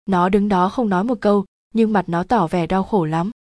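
Woman with a mellow, dry narrating voice. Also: mid-range voice, moderate pace, no room sound. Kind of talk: storytelling narration.

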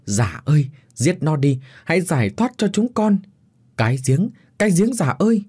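A man's voice: fairly high pitch, very animated, normal speed, darkish tone, breathy edge, pitched above the performer's own voice. A man voicing a trapped girl's pleading spirit. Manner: crying out, pleading. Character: trapped young woman's spirit, pleading desperately.

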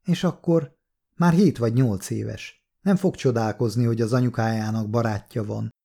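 A man voicing an eager, baffled male lover in an audiobook, speaking low and pleading. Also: gravelly, warm tone, breathy edge. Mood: puzzled.

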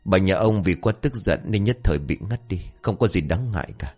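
A man voicing a calm, reassuring male doctor in a read-aloud family story, speaking briskly. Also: low voice, faint music behind.

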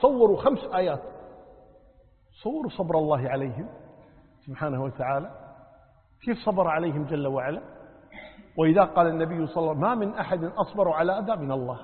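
A man's voice: a little high, expressive, quick pace, long pauses, breathy edge. A man, a sheikh giving a religious lesson and answering questions, explaining patiently, repeating key points and quizzing his listeners. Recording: tinny lo-fi recording in a reverberant hall.

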